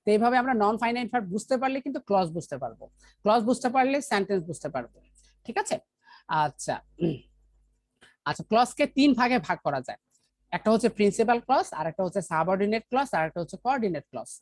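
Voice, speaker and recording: A woman teaching an English grammar lesson with a Bangladeshi accent, asking questions and answering them herself, reading the English examples slowly. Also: mid-range voice, expressive, darkish tone, dry recording.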